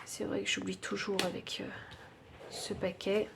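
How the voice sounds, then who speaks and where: A woman with a French accent giving an intuitive tarot reading, thinking aloud with many pauses and fillers. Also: mid-range voice, little pitch movement, vocal fry, very noisy. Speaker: tarot card reader.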